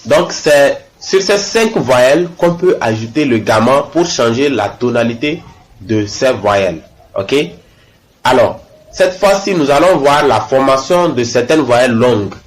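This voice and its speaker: A man teaching a language lesson, spelling out letters and example words slowly and saying each twice, often checking in with "ok?". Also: mid-range voice, expressive.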